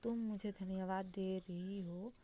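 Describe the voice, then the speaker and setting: A stern male employer from a textbook story, read aloud by a woman teacher. The delivery is slow, with a mellow, soft tone and plain storybook reading. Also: medium pitch, steady tone, slight background noise, close to an everyday voice. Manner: reads quoted lines aloud from a textbook. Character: stern male employer cheating his governess.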